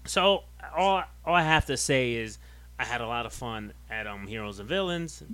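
A man's voice: mid-range voice, normal speed, smooth. A young man co-hosting a wrestling podcast, telling stories in casual banter and swearing freely. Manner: animated, swearing, storytelling. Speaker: podcast co-host.

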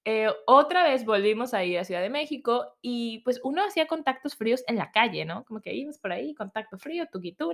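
A young woman with a Mexican accent, telling a personal story in casual, chatty storytelling. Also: on the high side. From Guadalajara, Mexico. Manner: chatty, animated, acts out quoted voices.

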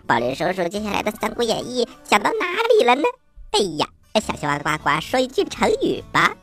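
A woman's voice: medium pitch, big pitch swings, fairly quick, fairly bright tone, faint music behind. A woman voicing a chatty, childlike little green frog with a playful cartoon frog voice, co-hosting a children's story show. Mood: eager, playful. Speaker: co-host.

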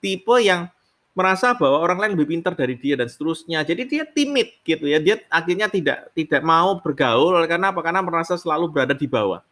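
Pria dengan suara cerah sedang mengajar. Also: male voice, fairly high pitch, expressive, fast, a bit bright. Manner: frequent "gitu ya" tags, mixes English terms, rhetorical questions. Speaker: leadership lecturer. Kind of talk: lecture on leadership.

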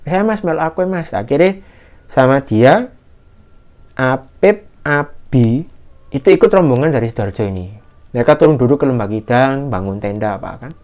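A man recounts a hiking story in a loose, conversational way. His pitch swings widely as he acts out the shouts of his companions. His voice sits at a mid pitch. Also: moderate pace. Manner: animated, acts out shouted quotes in a higher voice. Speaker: guest storyteller. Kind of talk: casual spoken horror story.

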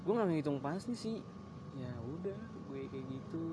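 A young man, casually telling a story and acting out his shouting friends. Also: on the high side, lively intonation, moderate pace, a loud crowd. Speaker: guest storyteller. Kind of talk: casual chat.

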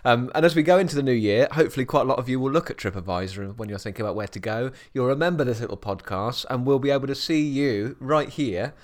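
A man's voice: medium pitch, fast talker, hardly any pauses. A British man co-hosting a podcast in casual chat, jokey and laughing often as he talks from an office. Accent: British English. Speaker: podcast co-host. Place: office at a bird of prey centre.

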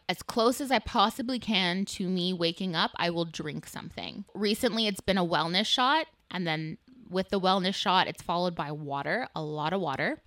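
Woman, 20s, lower register, casual vlog chatter with lots of fillers, dry close sound. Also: a bit bright, dry recording. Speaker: vlogger. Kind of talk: casual chat to camera. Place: her small apartment.

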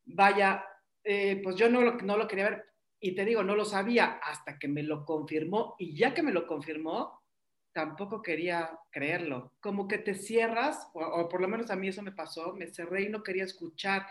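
A woman with a Mexican Spanish accent, a mother telling her personal story in an animated, emotional way. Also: medium pitch, normal speed. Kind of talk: personal testimony in conversation.

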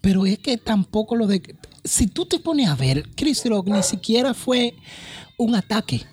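A woman's voice: fairly high pitch, very animated, unhurried, darkish tone, slight background noise. A woman co-hosting a casual podcast chat, emphatic and often repeating her phrases while she thinks. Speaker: podcast co-host.

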